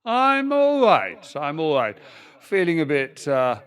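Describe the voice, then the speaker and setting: A man's voice: fairly high pitch, huge pitch swings, slow pace, a bit bright, clear, resonant tone, heavily acted. A man playing an old-fashioned Victorian ghost on a comedy podcast, talking in a dry, bemused way. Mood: amused. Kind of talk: comic podcast role-play.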